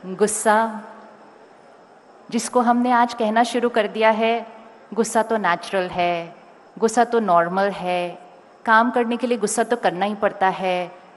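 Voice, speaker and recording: A woman giving a motivational spiritual talk to a school audience, speaking slowly and deliberately and sometimes calling on the crowd to raise their hands. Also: medium pitch, a little hiss or hum. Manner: calm, slow and deliberate, rising to urge the crowd. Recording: long hall reverb.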